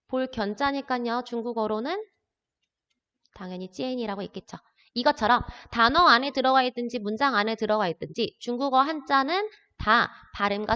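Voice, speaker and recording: A woman's voice: fairly high pitch, pushed and bright. A woman teaching an introductory language lesson, explaining words patiently step by step. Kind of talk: recorded classroom lesson. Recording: dull lo-fi audio with long reverb.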